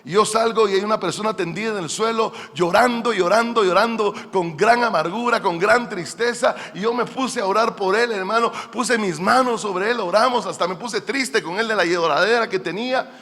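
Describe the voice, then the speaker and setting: High-voiced pastor preaching in an echoing hall. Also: male voice, normal speed, hardly any pauses. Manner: fervent preaching, addresses listeners as "hermano"; swings from soft asides to loud emphatic calls. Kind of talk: sermon. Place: church. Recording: long hall reverb.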